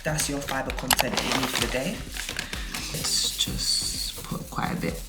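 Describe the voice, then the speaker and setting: A woman's voice: rumbling low, unhurried. A woman chatting casually in a vlog, rambling with breezy asides. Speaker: vlogger. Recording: echoey room with loud music behind.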